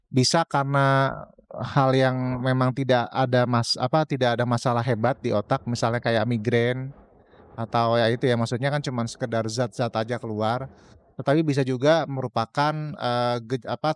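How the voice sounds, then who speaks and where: A man, a doctor, calmly explaining headaches in an interview, pausing with fillers. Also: medium pitch, clean tone, no room sound, clean studio sound. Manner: even, measured, with many fillers.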